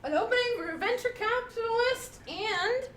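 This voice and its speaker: A woman hosting a casual game stream, chatty, playful and quick to laugh. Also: extremely high pitch, lively intonation, a bit bright. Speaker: streamer host running a party card game. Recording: roomy room, distant mic, faint hiss.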